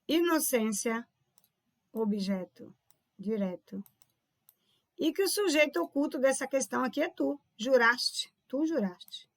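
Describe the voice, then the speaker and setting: A woman teacher with a Brazilian Portuguese accent works through grammar exam questions in an online lesson, explaining as she goes. Her high, expressive voice moves unhurriedly with frequent pauses, and she keeps checking in with "tá vendo?" while calling viewers "povo lindo." The recording is dry and studio quality.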